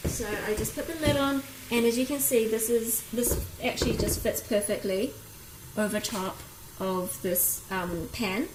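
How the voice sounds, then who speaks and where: Her voice sits fairly high, with fairly even intonation and a slightly slow delivery. She has a broad Kiwi accent and is casually welcoming viewers to her cooking livestream indoors at home. The phone mic is a little distant, so there's echo, and the sizzle, stirring and other kitchen noise are easy to hear.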